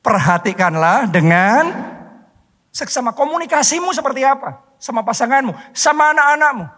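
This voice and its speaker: Emphatic pastor in an echoey hall. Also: male voice, extremely high pitch. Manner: emphatic, drawn-out key words, swings from soft to shouted. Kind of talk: sermon.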